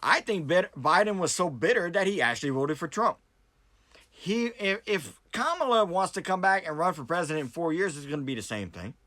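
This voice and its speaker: A debate-hosting political vlogger from the United States rants emphatically and without a script, repeating himself and asking rhetorical questions of his audience. His slightly high voice is expressive and sharp, moving a little fast, captured in a dry recording.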